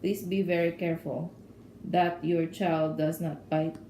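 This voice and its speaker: A woman's voice: low voice, flat delivery, unhurried, warm tone. A woman, a mother, reading care instructions aloud in an instructive way and checking that she is understood. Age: adult. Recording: echoey room with faint noise.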